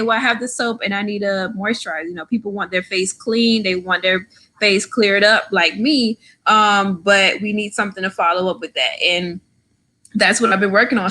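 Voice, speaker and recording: Bright-voiced chatty woman in her thirties. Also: mid-range voice. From Florida, USA. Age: 30s. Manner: chatty, lots of "like" and "right?" tags. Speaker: podcast guest, entrepreneur. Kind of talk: casual interview storytelling.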